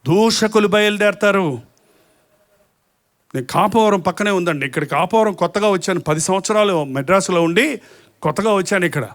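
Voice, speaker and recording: A man's voice: high voice, normal speed, long pauses, fairly bright tone. A man preaching a sermon, who asks the congregation questions and acts out quarrels as he goes. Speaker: pastor.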